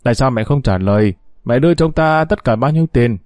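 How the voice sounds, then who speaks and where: A man's voice: medium pitch, lively intonation, fast, dry recording, natural voice. A man doing an angry grown son. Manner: sharp, accusing questions. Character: angry grown son confronting his mother.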